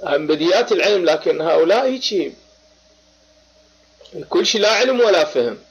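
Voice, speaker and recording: A Baghdad man with an Iraqi accent hosts a live religious debate chat while nursing a cold, his high, husky voice brisk and expressive. He talks emphatically and drops in many short affirmations, all over a lo-fi online voice chat.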